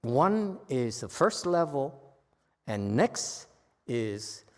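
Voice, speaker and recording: Medium in pitch, sing-song, very slow, and darkish in tone, this Vietnamese-accented male Buddhist teacher gives a dharma lecture in a temple hall. He's direct and teasing, regularly checking in with "okay?"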